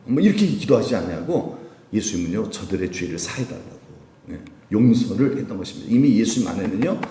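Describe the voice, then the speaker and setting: Animated male pastor preaching. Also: fairly low pitch, reverberant, a little hiss or hum. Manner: animated preaching, rising to emphatic peaks, slow quoted scripture. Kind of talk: sermon. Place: church sanctuary.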